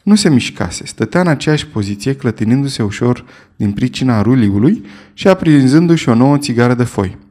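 Male audiobook narrator, steady first-person delivery, mid-range pitch.

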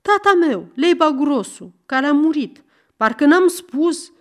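Woman putting on a wailing old merchant man. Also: expressive. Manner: wailing, shrill, loud.

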